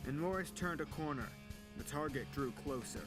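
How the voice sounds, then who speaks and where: With guitar music underneath, a man narrates a dramatic tale from a script. His voice is a little high and his pace is normal.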